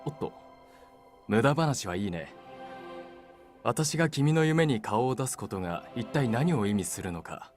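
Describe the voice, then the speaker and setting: An actor playing a mysterious, calm, teasing male god of fate in a game. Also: mid-range voice, a little fast, long pauses, faint music behind, natural voice. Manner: calm, knowing, lightly teasing. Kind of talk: Japanese game voice acting.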